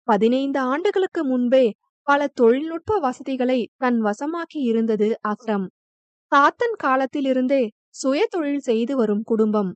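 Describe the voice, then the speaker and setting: A woman narrating a romance novel as an audiobook in an even storytelling delivery. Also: high-pitched, dry recording. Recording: dull lo-fi dry recording.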